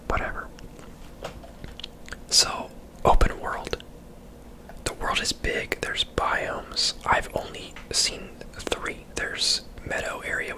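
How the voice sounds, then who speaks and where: Whispering close to the mic in a soft, breathy way, a person gives casual ASMR gameplay commentary at an unhurried pace, captured in a rough recording.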